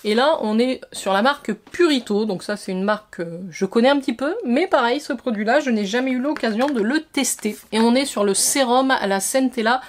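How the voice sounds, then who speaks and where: A woman's voice: on the high side, brisk, hardly any pauses. A woman vlogger unboxing and reviewing skincare products, talking chattily and listing details in short bursts. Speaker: beauty vlogger.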